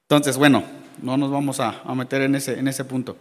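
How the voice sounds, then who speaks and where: A man with a Mexican Spanish accent teaching a Bible class, reading scripture slowly and then explaining it with questions to the congregation, in a church hall. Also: medium pitch, level tone, darkish tone. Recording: long reverb of a church hall.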